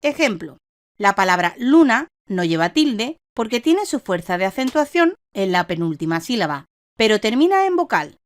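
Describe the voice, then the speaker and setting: A woman reading a scripted instructional lesson in a measured, didactic way, stressing each example word. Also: medium pitch, sing-song, dry recording. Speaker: online course narrator.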